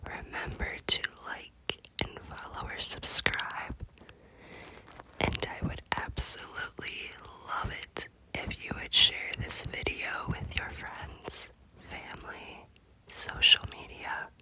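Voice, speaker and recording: She whispers without voicing, breathy and deliberate, like an ASMR host spinning an eerie story. The sound is pushed and bright, and the audio is poor.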